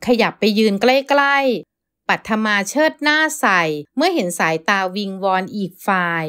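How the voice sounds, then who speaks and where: A woman narrating a romance novel in an even, descriptive storytelling manner. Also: on the high side, measured pace, clean tone. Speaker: audiobook narrator.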